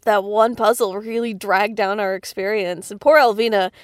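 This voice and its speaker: A woman's voice: medium pitch, normal speed, dry recording, clean studio sound. A woman co-hosting a travel vlog, chatting playfully with friends in a car. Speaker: vlog co-host. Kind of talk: casual chat.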